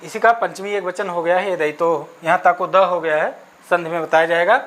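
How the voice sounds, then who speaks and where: A man's voice: high voice, steady tone, normal speed, fairly bright tone. A man teaching an exam-prep Sanskrit grammar lesson, asking questions and answering them himself, checking in often with "okay", and spelling out sounds one by one.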